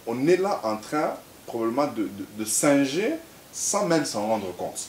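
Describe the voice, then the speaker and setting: A man from Central Africa, an interview guest who talks haltingly, repeating words, then tells stories in a measured way. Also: medium pitch, big pitch swings. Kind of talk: reflective conversational interview. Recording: echoey room with faint hiss.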